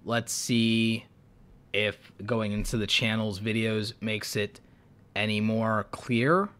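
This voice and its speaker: His voice is lowish, smooth, a bit bright and fairly even in intonation, and he speaks slowly. He's a YouTube creator hosting a live Q&A with channel reviews while sick and losing his voice, thinking aloud with many ums as he gives frank advice.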